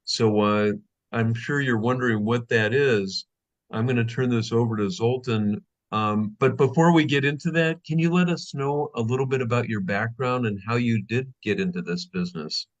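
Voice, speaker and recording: A man's voice: medium pitch, fairly even intonation, moderate pace. A man hosting a casual interview show, upbeat and effusive with praise for his guest. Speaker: show host.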